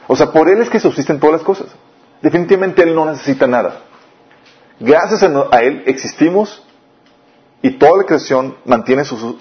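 A man preaching a sermon, often asking the listeners questions and swinging between raised and lowered delivery. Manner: questioning the listeners often, lively rises and drops. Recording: dull lo-fi recording.

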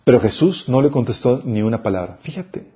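A man's voice: mid-range voice, expressive, a little fast, highs cut off. A man preaching a sermon-style Bible lesson, emphatic, listing points and reading scripture aloud.

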